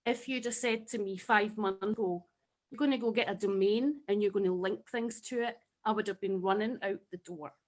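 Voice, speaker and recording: A woman with a Scottish accent talks over a video call. She gushes with passion and turns emotional at times, her voice sitting at a middling pitch. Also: normal speed, rough recording. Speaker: webinar participant.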